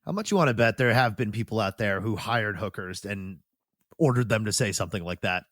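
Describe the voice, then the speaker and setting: A man's voice: on the low side, animated, brisk, a bit bright, no echo, studio quality. A man hosting a podcast and chatting casually. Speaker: podcast host. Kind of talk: casual chat.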